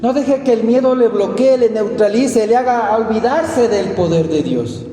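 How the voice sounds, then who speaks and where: High-voiced Ecuadorian man preaching. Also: expressive, a little slow. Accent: Ecuadorian Spanish. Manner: emphatic, swinging between loud outbursts and hushed asides. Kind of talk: sermon. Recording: echoey hall with long reverb and faint noise.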